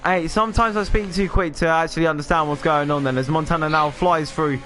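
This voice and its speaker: A man's voice: fairly high pitch, fairly even intonation, a little fast, fairly bright tone, faint music behind. A man commentating a sim racing stream, rambling with lots of fillers and self-deprecating asides. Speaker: lead race commentator.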